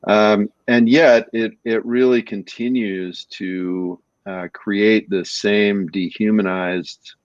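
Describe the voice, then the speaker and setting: Male podcast co-host, low register, reflective conversational delivery, dry and somewhat dull sound. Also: fairly even intonation, slow pace, hardly any pauses, no room sound. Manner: thoughtful, often checks in with "right?". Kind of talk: casual discussion.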